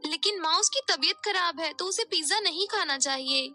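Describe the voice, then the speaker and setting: A woman voicing a gentle, studious young stepdaughter who pleads and protests in a storybook tale. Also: very high-pitched, normal speed, faint music behind, voice pushed up, full character voice. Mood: pleading. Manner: pleading, earnest.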